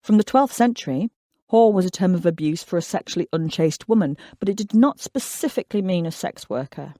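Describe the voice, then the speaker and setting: Audiobook narrator, mid voice, measured and wry, dry studio sound. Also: mid-range voice, animated, dark tone, dry recording.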